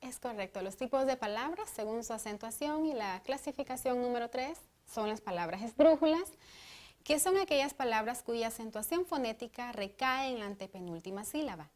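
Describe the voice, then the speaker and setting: A woman with a Honduran accent co-hosting an educational TV lesson, explaining grammar rules in a clear, deliberate way. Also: a little high, lively intonation, darkish tone. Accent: Honduran Spanish. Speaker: teacher co-host.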